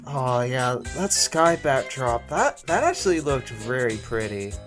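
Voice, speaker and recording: A man's voice: medium pitch, very animated, unhurried, over music. A man casually commenting over clips in a chatty, giggly way, full of fillers. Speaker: video reviewer.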